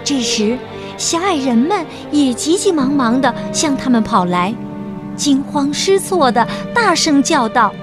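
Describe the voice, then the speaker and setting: Gentle woman storyteller over music. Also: high voice. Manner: gentle, slow and expressive. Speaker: children's storyteller. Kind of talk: scripted children's story narration. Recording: narration over loud music.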